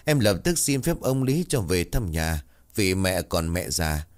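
A man's voice: sits low, big pitch swings, measured pace. A man voicing a simple, earnest young village servant who pleads and grieves. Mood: sad. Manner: pleading, eager.

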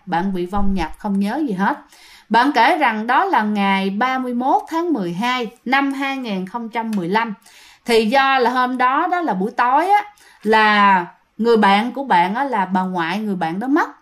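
Chatty Southern Vietnamese woman storyteller. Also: on the high side. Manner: chatty, addresses listeners directly. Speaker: ghost story narrator. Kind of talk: casual storytelling to listeners.

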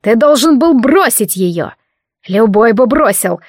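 Woman doing a nasal hissy villain guy, unhinged, spits out threats slow, dry close sound. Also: a little high, lively intonation, no echo. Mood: ranting. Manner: hissing, snarling, dragged-out threats. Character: hateful, hysterical male theologian villain. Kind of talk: audiobook character reading.

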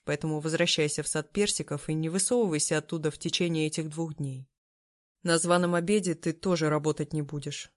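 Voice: mid-range voice, lightly acted. A narrator voicing a curt commanding emperor. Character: stern commanding young emperor, man. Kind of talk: audiobook character voice.

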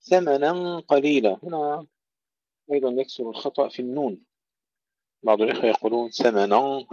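A man teaching Quran recitation. He recites verses slowly, then explains the pronunciation rules and repeats words to contrast correct and faulty forms. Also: mid-range voice, warm tone, no echo. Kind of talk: tajweed lesson with recitation. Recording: dull lo-fi recording.

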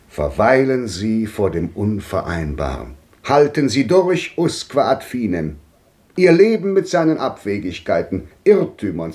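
An older actor with a fairly low pitch takes the part of a grandly bitter old man in a 1950s radio drama. He sounds brooding as he declaims, swinging sweepingly from loud to hushed.

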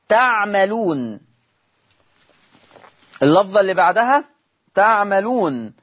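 A man's voice: high voice, slightly rough. A man with an Egyptian accent teaching Quran recitation on a broadcast lesson, drawing out recited words and quizzing his listeners. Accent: Egyptian Arabic.

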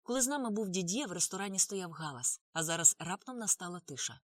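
Woman narrating an audiobook, very lively melody, dry close mic. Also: on the low side, quick pace, no echo.

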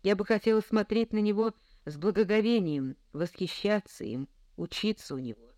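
A woman's voice: medium pitch, normal speed, dark tone, no room sound. A woman narrating a first-person novel in an earnest, reflective manner. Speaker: audiobook reader.

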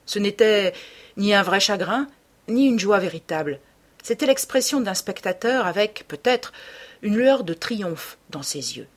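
A woman narrating a classic novel as an audiobook in a measured, dramatic reading style. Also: medium pitch, animated.

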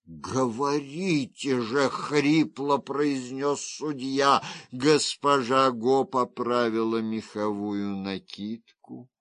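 Very slow, measured male narrator. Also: medium pitch, no room sound, clean studio sound. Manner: measured, even storytelling. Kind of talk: audiobook narration.

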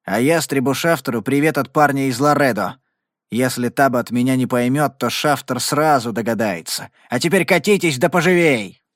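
A man's voice: medium pitch, moderate pace, no room sound, studio quality, lightly acted. A man reading an audiobook, playing a big, grim young cowboy who speaks tersely and threatens his enemies. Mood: threatening.

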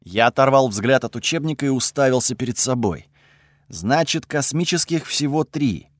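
A man reading a fantasy audiobook in the first person, measured storytelling. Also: medium pitch, lively intonation, no echo, clean studio sound. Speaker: audiobook narrator.

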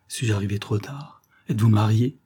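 A man's voice: lowish voice, normal speed, warm tone, slightly rough. A man voicing a frantic, grieving young woman who bitterly accuses and pleads. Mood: anguished.

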